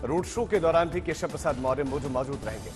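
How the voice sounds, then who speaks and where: A man's voice: a little high, expressive, fast talker. A man working as a news anchor, reading a scripted bulletin. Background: music bed.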